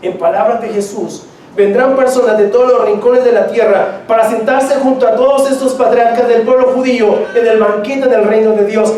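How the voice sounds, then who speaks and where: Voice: mid-range voice, fairly even intonation, moderate pace, dark tone. A preacher delivering a sermon with emphatic repetition and direct questions to the congregation. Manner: emphatic, repeats key phrases, asks the congregation direct questions. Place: church sanctuary. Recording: echoey church from a distance.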